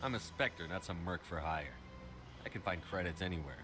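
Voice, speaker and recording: A man's voice: low voice, animated, a little fast, music in the background. An actor playing a curt, proud male space commander who talks in clipped, firm lines. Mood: stern.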